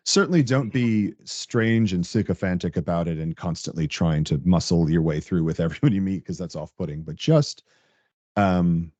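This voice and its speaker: Deep-voiced man, animated podcast guest. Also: moderate pace, no room sound, dull audio. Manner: animated storyteller, laughs often, acts out coworkers' lines. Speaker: podcast guest, tech director. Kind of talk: casual interview chat.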